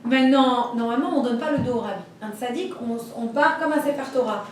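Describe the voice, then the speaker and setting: A woman with a high voice teaches a religious class through lively stories, acting out the voices of the people in them. She is recorded from far off in a very echoey room. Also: quick pace, slight background noise. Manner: lively storytelling, acts out voices. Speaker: Torah teacher. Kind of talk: storytelling class.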